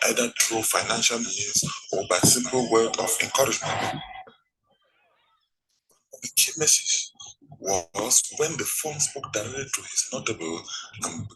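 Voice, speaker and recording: A man reading a formal news report as the correspondent, in a measured voice. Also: medium pitch. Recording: noisy background hiss.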